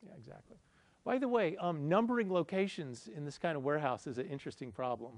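A man's voice: on the high side, fast. A middle-aged man giving a conference presentation, explaining a slide in a conversational, self-deprecating way. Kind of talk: lecture with audience Q&A. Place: indoor conference room, presenting at a projector screen.

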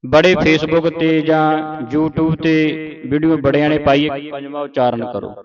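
A man teaching the pronunciation of scripture in a recitation lesson, chanting each verse line slowly, spelling words out and adding quick spoken explanations. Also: on the high side, steady tone, darkish tone, dull audio. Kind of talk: slow, patient recitation lesson, repeating words and spelling them out.

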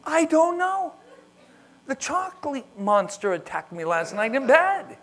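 Field: figure. Value: a man doing a squeaky fibbing little boy. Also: very animated, a little slow, heavily acted. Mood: innocent denial.

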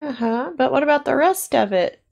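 A woman's voice: high-pitched, animated, brisk, vocal fry, darkish tone. A young adult woman giving casual, blunt and sardonic film reaction commentary as a video host. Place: small dark decorated room indoors.

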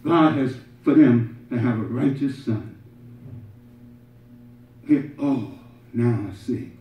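A middle-aged man preaching a sermon to his congregation, animated, swinging from loud emphatic peaks to soft asides and often asking "right?". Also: mid-range voice, slow pace. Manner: addresses congregation directly with rhetorical "right?". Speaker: imam giving Friday sermon. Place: carpeted mosque prayer hall, indoors, congregation seated on floor. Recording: roomy, distant and slightly dull camera audio.

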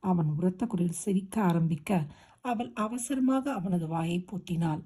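A woman narrates a romance novel in a steady, expressive storytelling voice. Her voice sits low and mellow, with a soft husky grain. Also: a little slow. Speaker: audiobook narrator.

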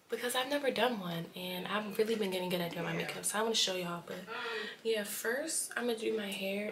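A young woman vlogging casually at home, talking to the camera in a rambling way with lots of "um"s and "like"s. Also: medium pitch. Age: young adult. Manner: chatty, rambling with many "um"s and "like"s. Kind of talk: casual vlog chat to camera. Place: small home bathroom and bedroom, indoors.

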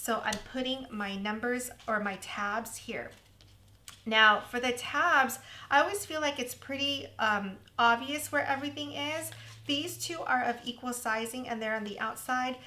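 A woman hosting a casual crafting tutorial, chatty and self-deprecating, with a slightly hoarse voice. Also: on the high side, a little slow, bright, forceful tone, slight background noise. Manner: chatty, self-deprecating, laughs at her own mistakes. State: slightly hoarse, losing her voice.

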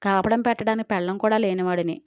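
A charming, cheeky young man, played by a woman in an audio story, coaxing and teasing. The voice is smooth and clear, the recording dry. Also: medium pitch, steady tone, fast talker, dry recording, muffled recording, natural voice.

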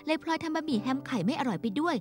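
A nosy, teasing friend. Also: female voice, sits high, animated, very fast, a little mellow, soft background music. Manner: teasing, prying. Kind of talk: Thai drama dubbing.

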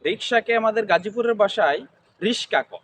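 A man's voice: sits high, animated, moderate pace, a bit bright, slight background noise. A man from Gazipur with a Gazipur Bengali accent, giving short answers in an interview. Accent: Gazipur Bengali dialect. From Gazipur, Bangladesh.

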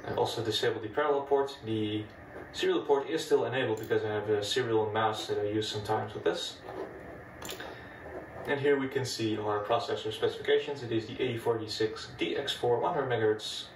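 Surrounded by old machines in an echoey room, a retro computing host with a Dutch accent, a native Dutch speaker, chats relaxedly while demonstrating an old computer step by step. His voice is fairly low and moderately paced, caught by a distant mic with a little hiss or hum.

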